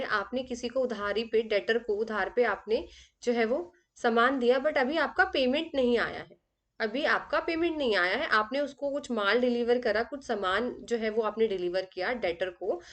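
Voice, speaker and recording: A woman teaching an exam revision lesson. She reads English questions slowly, then explains them in Hindi with everyday examples. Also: on the high side. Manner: explains with everyday examples, calls students "beta".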